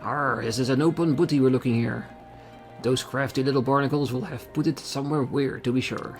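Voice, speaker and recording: An actor playing a gruff, boastful old fisherman and treasure hunter in a video game, talking like a salty pirate. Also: mid-range voice, fairly even intonation, fairly quick, lightly acted. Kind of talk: video game character acting. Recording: game music behind the voice.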